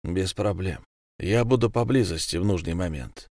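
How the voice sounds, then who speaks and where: A man's voice: deep voice, moderate pace, darkish tone, no echo, studio quality. A man voicing a guarded ex-marine prisoner who asks wary questions.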